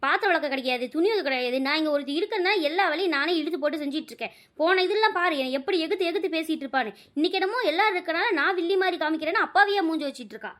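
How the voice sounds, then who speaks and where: A bossy middle-aged mother-in-law in a cartoon, voiced by a woman, scolding and complaining without pause. Her voice sits high and her words tumble out quickly. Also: expressive, a bit bright. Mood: indignant. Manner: nagging, indignant complaining.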